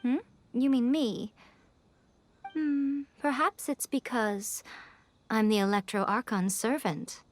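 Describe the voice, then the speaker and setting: A woman playing a sly, elegant fox-spirit shrine maiden in a video game, measured, teasing and self-assured. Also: on the high side, fairly even intonation, background noise. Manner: measured, teasing, superior, with rhetorical tag questions. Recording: music under the voice.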